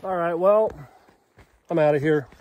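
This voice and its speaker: Man, fairly high voice, wry, self-deprecating, casual outdoor vlog, camera mic. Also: measured pace, lo-fi sound. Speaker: fishing vlogger. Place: outdoors by a mountain lake.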